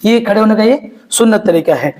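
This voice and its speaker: A man with a noticeably high voice teaches prayer one step at a time. He talks patiently and repeats key points, checking often that the listener is following. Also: a little fast, a little mellow, rough recording. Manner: patient, repetitive, often checks understanding with "okay". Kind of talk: step-by-step instructional demonstration.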